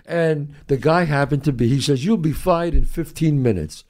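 A New York man in his sixties, an actor and writer appearing as an interview guest, speaks in a slightly high voice at a moderate pace. He's an animated storyteller who acts out the lines of the people in his stories.

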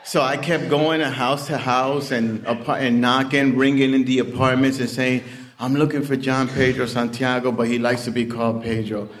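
A man's voice: medium pitch, level tone, moderate pace, slight background noise. A man, telling his recovery story in a casual, conversational way, often acting out what people said to him. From Puerto Rican heritage. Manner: conversational storytelling with frequent "you know" and acted-out quotes. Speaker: recovery speaker. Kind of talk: storytelling share at a recovery meeting.

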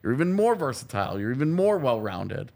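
A man's voice: medium pitch, sing-song, brisk, creaky, warm tone. A man talking as a sports podcast analyst, reasoning casually and repeating phrases for emphasis as he builds a point.

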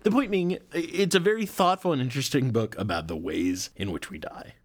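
A man co-hosting a podcast in casual chat, animated and profane, often laughing. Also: medium pitch, a little fast. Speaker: podcast co-host.

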